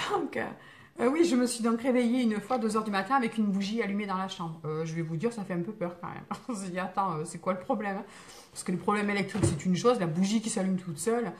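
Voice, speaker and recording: Woman medium chatting live on her phone, rambly, lots of euh and restarts, calm reassuring vibe. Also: medium pitch, fast, a little hiss or hum. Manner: digressive, many fillers and restarts, reassuring tone. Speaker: spiritual medium hosting a live stream. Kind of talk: rambling casual live talk, answering viewer comments.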